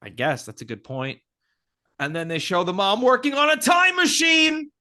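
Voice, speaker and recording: Man, high bright voice, wry and nitpicky, casual podcast chat. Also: moderate pace. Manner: wry, nitpicky, points out film details and laughs. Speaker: podcast co-host. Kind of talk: casual film-recap chat.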